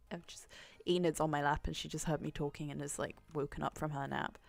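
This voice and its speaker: Woman, lower-pitched voice, chatty, bubbly, live game commentary, faint game music behind. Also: flat delivery, fairly quick, vocal fry, darkish tone. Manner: chatty, bubbly, thinks aloud and greets chat. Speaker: livestreaming gamer. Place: at home with a cat on her lap.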